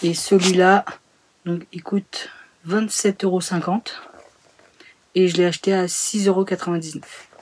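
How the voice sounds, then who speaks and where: A woman's voice: lowish voice, level tone, measured pace, pauses often, darkish tone, breathy edge. A woman reviewing two sewing books in a casual vlog, chatty and hesitant, with many fillers. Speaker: sewing YouTuber. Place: home sewing room.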